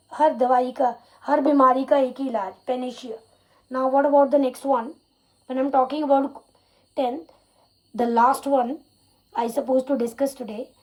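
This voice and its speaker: A woman's voice: sits high, darkish tone, low-quality recording. A woman English teacher with an Indian accent giving an exam-prep vocabulary lesson, spelling words letter by letter and adding Hindi glosses, often saying "you can say". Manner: repeats "you can say" as a filler.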